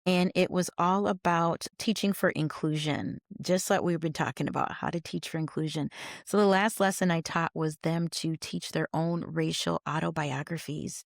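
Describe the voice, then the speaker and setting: A woman's voice: deep voice, normal speed, creaky, no echo, clean studio sound. A middle-aged woman, an educator, chatting casually as an interview guest, telling stories with fillers and laughs. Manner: animated storytelling with laughs and fillers.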